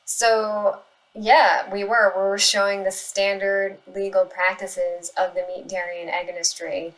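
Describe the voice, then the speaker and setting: A woman with a mid-pitched voice speaks off the cuff as an activist answering comments. She is earnest and firm, pressing her argument while pausing now and then to find the next phrase. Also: flat delivery, rough recording. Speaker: animal rights activist responding to comments. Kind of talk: casual spoken commentary reacting to online comments.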